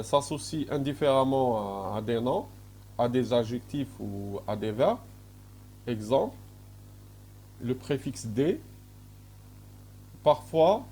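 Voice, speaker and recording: Mellow and husky, with a mid-range pitch, the voice belongs to a man lecturing at a university in an Algerian French accent. The recording captures him going slowly, hesitating a lot, and checking on his students with repeated "d'accord?"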